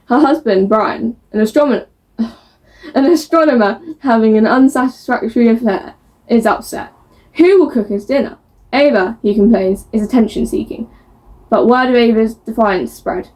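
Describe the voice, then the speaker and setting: A woman's voice: fairly high pitch, measured pace, long pauses, darkish tone. A woman chatting casually as a book vlogger, reading blurbs aloud and stumbling over words in a self-mocking way.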